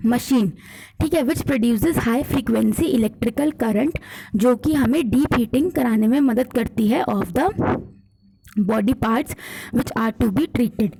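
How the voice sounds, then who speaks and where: Here a woman with an Indian accent teaches physiotherapy exam revision, mixing scripted points with relaxed explanation and frequently checking that listeners are following. Her slightly high voice carries vocal fry and sounds mellow. The recording is poor.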